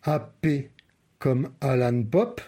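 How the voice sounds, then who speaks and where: A man's voice: mid-range voice, slow pace, dark tone. A man reading a joking, mocking storybook character. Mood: teasing.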